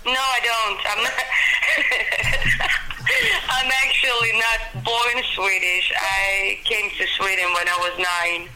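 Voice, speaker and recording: A sleepy woman from Bosnia and Herzegovina, speaking slowly and hesitantly as a caller on the phone. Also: medium pitch, fairly even intonation, noisy background. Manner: slow, hesitant speech. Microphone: telephone.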